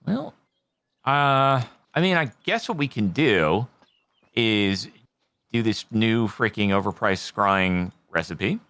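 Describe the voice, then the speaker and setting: A man's voice: fairly low pitch, lively intonation, takes it slowly, a bit bright, smooth. A man giving casual game commentary, thinking aloud as he plays. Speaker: gaming streamer.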